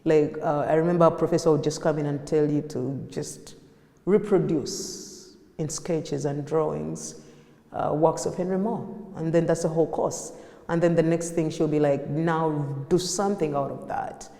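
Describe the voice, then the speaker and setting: Woman artist, Ugandan accent, warm low-key delivery, interview recorded in an echoey hall. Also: fairly even intonation, normal speed. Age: 30s. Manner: reflective, with frequent fillers and restarts. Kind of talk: personal interview storytelling. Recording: echoey room with long reverb.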